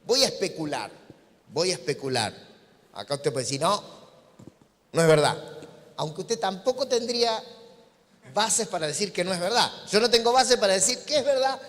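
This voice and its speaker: A man's voice: high-pitched, very animated, a little fast, a bit bright, big-room sound. A man with an Argentine accent preaching a sermon as pastor, in a conversational, joking manner. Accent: Argentine Spanish. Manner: conversational preaching, acting out imagined dialogue with humor. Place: church sanctuary.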